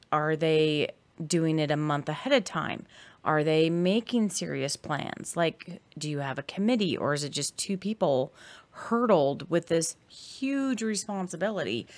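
A woman with a low, deep voice talks in a relaxed, casual chat. She sounds tired and tells stories at length, with plenty of fillers and restarts. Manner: chatty, storytelling, many fillers. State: tired from little sleep.

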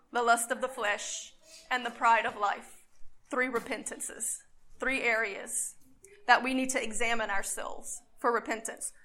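A woman preacher delivering a sermon with fervent, emphatic delivery, her phrases swelling loud. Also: high voice.

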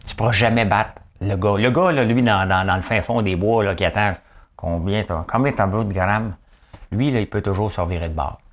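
A man with a Quebec French accent delivers a rambling, animated comedic monologue packed with fillers and repeated words. His voice is fairly low, and he talks briskly with hardly any pauses.

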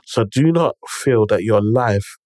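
A man's voice: fairly low pitch, animated, takes it slowly, darkish tone, no echo. Emphatic London man with urban slang. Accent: London, urban multicultural slang. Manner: emphatic, repeats phrases, frequent rhetorical check-ins. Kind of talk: motivational conversational storytelling.

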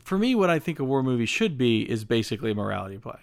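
This podcast co-host is a man with a medium-pitched, creaky voice who talks in a very animated, rapid-fire way, with no room sound. In a casual chat about films he voices strong opinions, stammering and repeating words.

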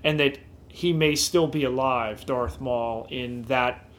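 A man's voice: mid-range voice, steady tone, takes it slowly, fairly bright tone. A man co-hosting a podcast who speaks in long, rambling, enthusiastic run-on sentences. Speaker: podcast co-host. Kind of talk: casual podcast discussion.

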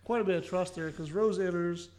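A man's voice: high voice, a little fast, a little mellow. A man casually recapping a sitcom episode for a podcast, filling his summaries with "uh" and "kinda". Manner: summarizes plot with many fillers and "kinda". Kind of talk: casual chat.

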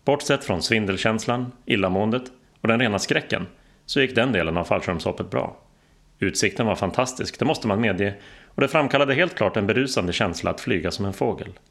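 A man's voice: on the low side, vocal fry, a bit bright. A man narrating an audiobook with a dry, wry delivery.

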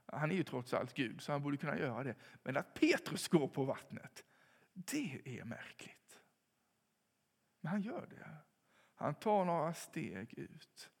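Gravelly-voiced man preaching in a hall. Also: on the high side. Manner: calm, reflective preaching with pauses and rising emphasis. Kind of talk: sermon. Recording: long hall reverb.

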